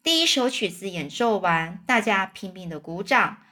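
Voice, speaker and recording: A woman reading a children's book aloud, pausing to explain words for young listeners. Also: mid-range voice, animated, bright, forceful tone. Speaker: storyteller.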